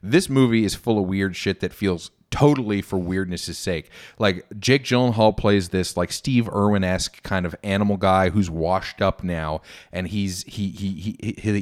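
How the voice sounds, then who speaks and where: A man co-hosting a casual podcast, riffing on films with lively critique and quick mimicry. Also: sits low. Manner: animated film critique, frequent mimicry. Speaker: podcast co-host. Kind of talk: casual chat.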